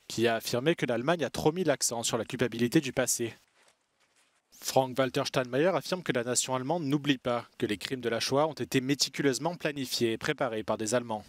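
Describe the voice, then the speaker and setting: A man anchoring a news bulletin, reading scripted reports in a measured, even manner. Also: medium pitch. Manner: measured, even newsreader delivery.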